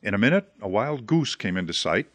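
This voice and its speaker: Expressive man reading a children's story. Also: on the low side, fairly quick, dry recording. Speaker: storybook reader.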